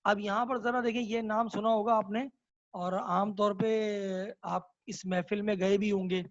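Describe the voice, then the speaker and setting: A man's voice: sits high, level tone, no room sound, dull audio. Male teacher explaining a text in an online class. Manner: explanatory, keeps checking with students; mixes English words into speech.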